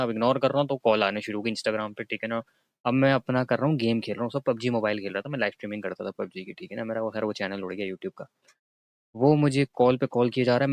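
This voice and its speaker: A man's voice: medium pitch, no echo. A young man from Karachi, telling a story to camera in a casual, chatty way and often tagging his lines with a check-in filler. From Karachi, Pakistan. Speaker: vlogger.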